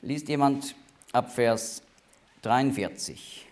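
A man's voice: mid-range voice, takes it slowly. A man teaching a Bible study, explaining names and passages with emphatic rises.

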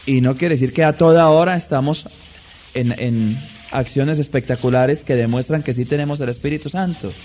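A man preaching a sermon in a measured, deliberate way, stressing key words. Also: medium pitch, darkish tone, slight background noise.

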